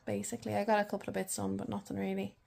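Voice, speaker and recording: Chatty Irish woman with a gravelly creak. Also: medium pitch, flat delivery, racing, warm tone, a little hiss or hum. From Ireland. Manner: rambling, chatty. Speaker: vlogger. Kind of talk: casual video diary chat.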